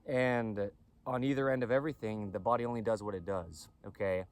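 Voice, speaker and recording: A man's voice: lowish voice, steady tone, a little fast. A man giving a casual lecture to camera on body mechanics, often stopping to ask "okay?". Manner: repetitive, keeps asking "okay?". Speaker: clothing company owner explaining anatomy.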